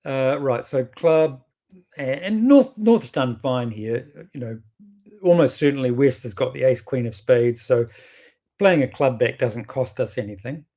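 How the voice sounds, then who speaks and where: This New Zealander, a bridge player fronting his own videos, speaks with a broad, strong Kiwi accent in a medium-pitched, mellow voice at a slightly slow pace. His game commentary is casual thinking aloud, informal, rambling and self-correcting.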